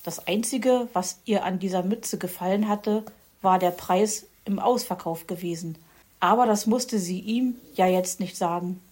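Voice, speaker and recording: Slow calm woman storyteller. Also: mid-range voice. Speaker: narrator. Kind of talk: children's audiobook narration.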